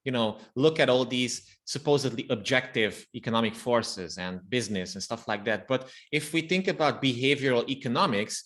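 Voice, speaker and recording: A man's voice: medium pitch, expressive, fairly quick, few pauses, a bit bright. A man from Romania whose first language is Hungarian, a copywriter guest on a podcast interview, who speaks thoughtfully and restarts his phrases often.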